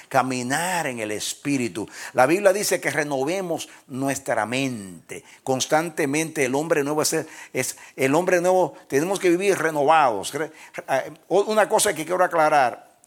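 A pastor delivers a sermon at medium pitch, moving between loud, emphatic lines and hushed ones while laughing at his own jokes.

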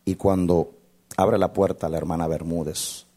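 Male pastor preaching a story, deep husky voice, loud then quiet. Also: steady tone, a little slow. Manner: dramatic storytelling, swings from loud to hushed. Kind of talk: sermon testimony.

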